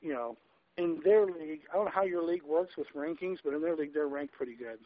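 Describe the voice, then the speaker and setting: A man's voice: on the high side, fast. A drunk man calling in to a radio show, rambling and stammering with frequent swearing. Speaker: caller. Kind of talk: casual call-in chat. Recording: dull lo-fi phone call audio.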